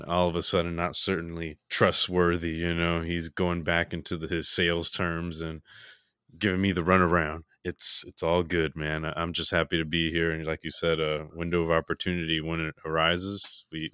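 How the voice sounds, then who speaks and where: A laid-back man co-hosting a podcast, musing in a relaxed way. His voice is deep yet bright and forceful, with a smooth, clear tone. The sound is dry and close. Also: dry recording. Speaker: podcast co-host. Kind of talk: casual podcast chat.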